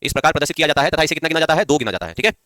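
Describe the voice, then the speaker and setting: A man's voice: on the high side, animated, bright, forceful tone, no echo, clean studio sound. A man teaching an online class, repeating key points and quizzing his students as he goes. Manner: reads comments aloud and answers them; chants verses slowly. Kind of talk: online Hindi grammar class.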